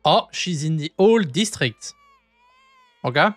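A man's voice: a little high, animated, takes it slowly, a bit bright. A man streaming casual anime reaction commentary in short, offhand, chatty remarks. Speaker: VTuber streamer. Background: music from the show being watched.

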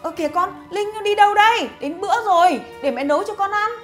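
Woman as a sly country mother-in-law, high, fast and lively. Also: soft background music. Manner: chatty, coaxing, then scolding. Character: scheming rural mother-in-law, older woman. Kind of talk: dubbed drama voice acting.

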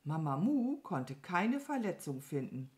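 A woman reading a children's story aloud for kindergarten children, slow and expressive. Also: lowish voice.

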